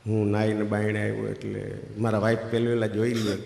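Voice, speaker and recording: A middle-aged man with a Gujarati accent, telling comic stories on stage and jumping into loud, lively acted quotes. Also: fairly low pitch, quick pace, vocal fry, roomy sound, big-room sound, slight background noise. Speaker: stand-up comedian. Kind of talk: Gujarati folk comedy storytelling.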